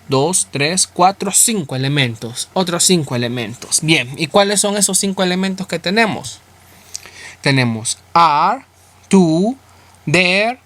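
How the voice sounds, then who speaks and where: A man's voice: on the high side, fairly bright tone. Male teacher, walking through a grammar lesson and answering his own questions. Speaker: English teacher. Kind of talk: explaining grammar step by step, thinking aloud.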